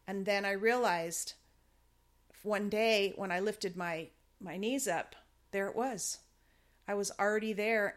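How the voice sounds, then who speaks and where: A riding instructor explains the basics of riding in a chatty, step-by-step manner, correcting herself now and then. It's casual instructional talk, delivered in a mid-range, fairly bright voice.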